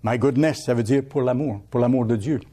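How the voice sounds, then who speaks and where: Preacher guy, warm mellow voice, keeps repeating words and quizzing the congregation. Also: medium pitch, fairly quick, husky. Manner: teaching, repeats key words and asks the listeners questions. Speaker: pastor. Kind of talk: sermon.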